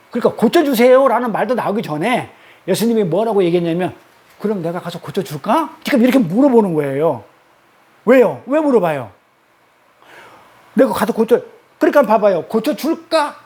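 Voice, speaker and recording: Leading a Bible study, a man whose voice is high-pitched and a little mellow keeps firing rhetorical questions at his audience, stressing important words by repeating them.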